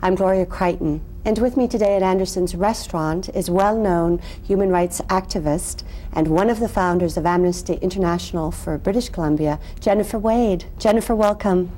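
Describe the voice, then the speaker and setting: A woman hosting a TV interview in a restaurant, chatty and quick to laugh. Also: on the low side, mellow, slight background noise. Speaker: interview host. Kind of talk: TV interview chat.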